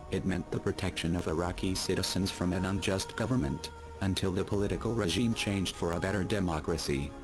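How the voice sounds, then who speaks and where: A man reading a formal scripted statement in a disguised, artificially deepened voice, with a measured, even delivery. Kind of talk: scripted statement read to camera audience. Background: loud music bed.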